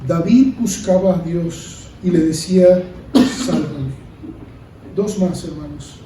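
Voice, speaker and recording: A man's voice: a little high, slow pace, dark tone, heavy reverb, far from the mic, a little hiss or hum, poor audio. A man preaching a sermon, building emphasis and asking rhetorical questions. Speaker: pastor.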